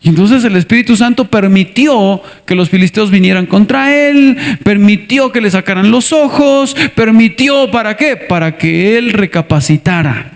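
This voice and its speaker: A man preaching a sermon as a pastor, animated, acting out little scenes and asking the congregation to answer back. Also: high voice, gravelly. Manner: animated, asks the congregation for responses; acts out scenes with character voices. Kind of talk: lively sermon with acted skits.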